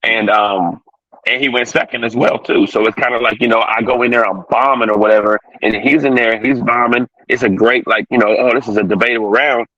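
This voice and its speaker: A man being interviewed over an online call that sounds fuzzy and distorted, talking quickly with many fillers. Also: mid-range voice, fairly even intonation, pushed and bright, no echo. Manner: rapid, full of "you know" fillers. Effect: fuzzy distorted connection. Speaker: battle rapper guest. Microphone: online call from a phone on mobile data. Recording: dull lo-fi distorted call audio.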